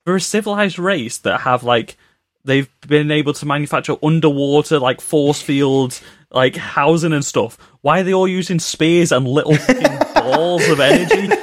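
A man's voice: on the high side, expressive, moderate pace. A man co-hosting a casual podcast, joking and swearing as he picks apart a film. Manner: joking, sweary, laughs a lot. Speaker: podcast co-host. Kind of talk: casual chat.

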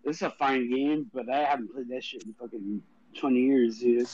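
A man's voice: mid-range voice, steady tone, normal speed, a little mellow, husky. A male co-host in a casual chat who drops crude, mocking interjections. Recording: dull lo-fi audio with faint background noise.

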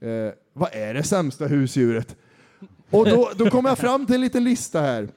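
High-voiced, laughing young man joking. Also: big pitch swings, a little mellow. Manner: laughing, jokey storytelling. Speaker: podcast co-host. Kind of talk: casual chat.

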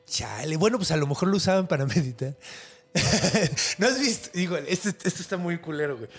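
A man's voice: expressive, a little fast, breathy edge. A man with a Mexican accent telling a folk tale in casual, slang-filled chat, acting out the characters' lines. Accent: Mexican Spanish. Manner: slangy, acts out characters' lines with big pitch swings. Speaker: storyteller host.

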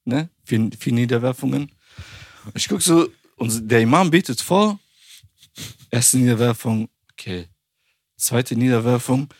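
A man's voice: medium pitch, unhurried, pauses often, no room sound, clean studio sound. A man casually telling a funny story on a podcast, acting out the people he quotes. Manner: animated storyteller, acts out quoted people, laughs often. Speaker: podcast host.

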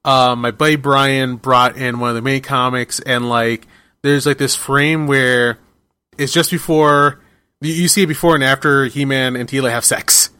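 A man in his forties hosting a podcast, telling stories in a rambling, animated way with many restarts. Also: medium pitch, normal speed, clear, resonant tone, dry recording. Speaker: podcast host. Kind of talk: casual chat.

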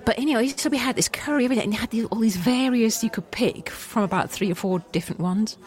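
A woman's voice: on the high side, fast talker, a little mellow. A woman co-hosting a podcast, telling anecdotes in casual chat with dry, teasing asides. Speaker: podcast co-host.

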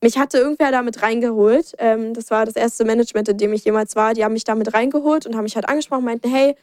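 Woman, young adult, podcast host, high voice, dry close sound, animated casual storytelling. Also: very fast, dry recording. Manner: animated storyteller, acts out quoted dialogue. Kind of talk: casual chat.

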